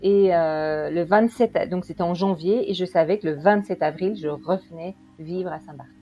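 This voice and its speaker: A woman, a podcast guest telling her story casually with many pauses and fillers. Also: fairly low pitch, dull audio. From Belgium. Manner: relaxed, hesitant, with many fillers. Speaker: interview guest.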